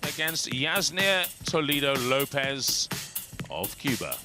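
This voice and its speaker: A man giving live boxing commentary in a measured, matter-of-fact way. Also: mid-range voice, sing-song, over music. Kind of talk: live television sports commentary.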